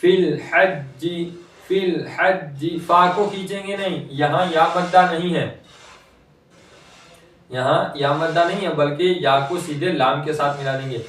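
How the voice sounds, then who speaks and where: A man with a fairly high voice teaches Quran reading, reciting each word twice in a slow, measured way before quickly explaining the rules. His voice sounds far from the mic in an echoey room. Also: fairly bright tone.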